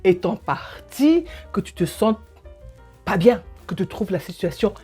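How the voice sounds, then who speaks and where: A middle-aged woman, a divorce coach telling her own story and advising the listener in a colloquial, expressive way. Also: mid-range voice, measured pace, breathy edge, faint music behind. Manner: expressive, colloquial, acts out scenes. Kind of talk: personal story and advice to viewer.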